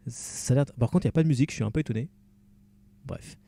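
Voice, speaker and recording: A man with a mid-range, gravelly yet mellow voice talks fast as he plays through a game at home at night. His let's-play commentary is casual and rambling, full of self-deprecating jokes, fillers and restarts. Faint music plays in the background.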